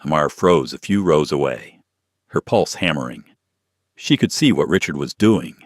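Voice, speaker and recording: A man's voice: very deep voice, lively intonation, normal speed, no echo, clean studio sound. A man narrating a tense, dramatic story.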